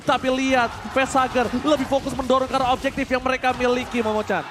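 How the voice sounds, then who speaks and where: A man with an Indonesian accent doing live esports commentary like a fighting game announcer, with dramatic shouted calls. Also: very high voice, level tone, quick pace, background noise.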